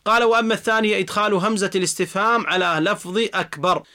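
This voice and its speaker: A man delivers a religious lecture at a brisk clip, his voice sitting high for a man. He explains earnestly and methodically, filling pauses with long "aah" sounds, and his tone is bright and forceful. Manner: earnest, didactic, frequent drawn-out "aah" fillers. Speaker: Islamic religious teacher.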